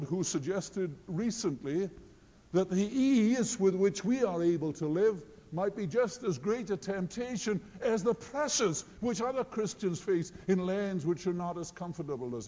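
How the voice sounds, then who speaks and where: A man preaching a sermon in a slow, earnest way, quoting scripture often. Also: sits high, mellow. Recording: long hall reverb.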